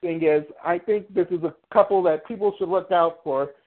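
A man's voice: sits high, normal speed. A man calling in to a talk show, speaking hesitantly with many restarts. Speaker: caller and show guest. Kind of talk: casual call-in chat. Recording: tinny phone line.

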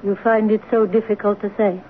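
An actress playing a cold, domineering stepmother in an old radio drama, speaking in crisp, clipped commands. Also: medium pitch, flat delivery, brisk, natural voice. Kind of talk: 1940s radio acting. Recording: tinny old radio broadcast with hiss.

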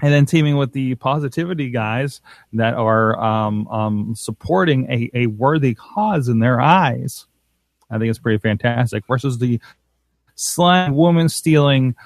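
A man co-hosting a casual chat, talking in an excitable, rambling way with many restarts. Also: mid-range voice, unhurried, no echo. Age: adult with a father-in-law. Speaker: podcast co-host.

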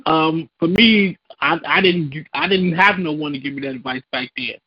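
A caller's voice comes through a clipped, narrow phone line. He is a man who talks in a halting way, with many ums and repeated words. The sound is dry and thin, and his voice sits a little high. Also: breathy edge, no room sound. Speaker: radio show caller. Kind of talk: call-in radio chat.

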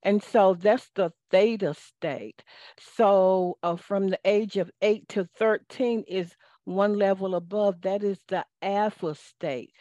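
A woman of medium pitch with a steady, dark tone and a Southern accent runs a live call-in coaching show. As life coach and host, she is slow, folksy and preachy. The recording is dull and lo-fi, dry with no echo.

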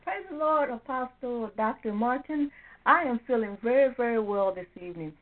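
A woman talks over a speakerphone, her voice thin and tinny down a phone line with a steady mains hum behind it. She rambles in a chatty, upbeat way and laughs easily, calling in from her home office. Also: fairly high pitch, normal speed. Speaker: caller to a prayer line. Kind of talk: casual phone call.

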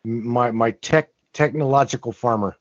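In a muffled, lo-fi recording with no echo, a male podcast host chats casually in a mid-range voice at normal speed. He talks earnestly but stammers and repeats himself.

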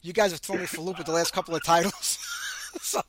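Brooklyn-accented man, high-pitched voice, very quick pace, interview host, casual blunt banter. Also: fairly even intonation, a crowd in the background. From Brooklyn, New York.

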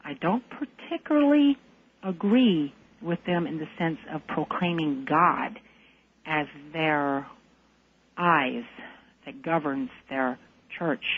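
A woman calling into a radio talk show, speaking in an intense, deliberate and defiant way. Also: low voice, expressive, slightly rough. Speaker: caller. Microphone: phone. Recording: tinny phone line.

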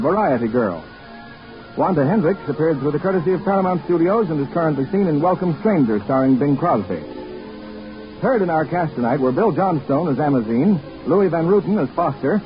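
A man working as the announcer of an old radio show, speaking in a formal, measured 1940s broadcast manner. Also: on the high side. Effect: old radio broadcast sound. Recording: muffled old radio broadcast with faint music.

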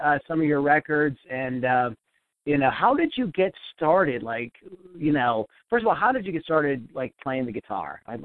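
Lively-voiced male host on a tinny line. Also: a little high, no room sound. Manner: friendly, chatty questioner with fillers. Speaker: radio host. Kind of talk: casual interview. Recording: tinny phone-like sound.

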